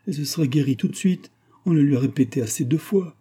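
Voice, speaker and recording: Man reading timid grieving old father, plaintive, dark and husky. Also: a little high, quick pace, voice pushed up. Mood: lamenting. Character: timid, heartbroken older father.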